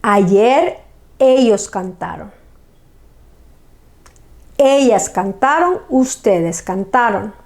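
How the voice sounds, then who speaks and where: Female language teacher, very slow and clear, repeating each word for students. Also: mid-range voice, animated, a little mellow. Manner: repeats words slowly and clearly for students to follow. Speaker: Spanish teacher. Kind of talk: slow, deliberate language lesson.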